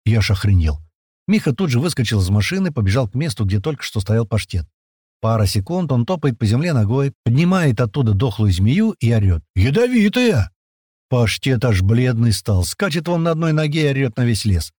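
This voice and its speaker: A man's voice: mid-range voice, very animated, brisk, a little mellow, dry recording, studio quality. A man reading a first-person adventure story in a colloquial, storytelling way. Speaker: narrator. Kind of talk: first-person audiobook narration.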